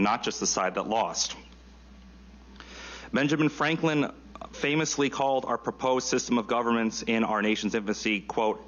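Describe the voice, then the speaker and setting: A man's voice: on the low side, fairly bright tone. Man reading a formal statement. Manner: formal, deliberate, read-out rhetoric. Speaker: public hearing witness. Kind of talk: prepared public statement. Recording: dull lo-fi hearing room audio.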